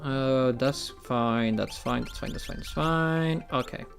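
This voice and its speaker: A man's voice: mid-range voice, a little slow, creaky, soft background music. A man streaming video games, chatting casually and thinking aloud, often repeating his phrases. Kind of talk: casual live-stream chat.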